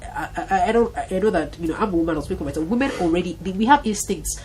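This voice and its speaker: A woman in her thirties with a Nigerian accent, telling lively stories in a casual talk-show conversation and acting out voices. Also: lowish voice, quick pace, a little hiss or hum, rough recording. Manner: animated storyteller, acts out voices, laughs often.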